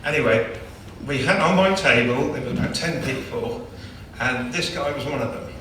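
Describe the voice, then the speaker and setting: A man's voice: medium pitch, normal speed, fairly bright tone, slight background noise. A man, a club chairman, gives a chatty, joking after-dinner award speech. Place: large banquet hall. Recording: echoey hall, distant mic.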